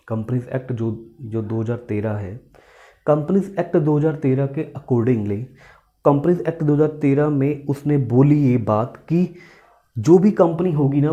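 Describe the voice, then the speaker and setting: A muffled recording captures a man with a medium-pitched, dark voice giving a classroom-style accountancy lecture. He works through the material by questioning and repeating the main points, and he speaks Hindi laced with English terms, calling students "beta."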